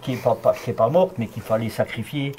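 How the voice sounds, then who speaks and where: A man's voice: medium pitch, fairly quick, warm tone. Guy with a lorraine accent chatting about remedies, folksy, laughs a lot, faint hiss behind. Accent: Lorraine French. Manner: folksy, chuckling, explaining remedies step by step. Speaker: guest herbal health advisor. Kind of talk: casual chat.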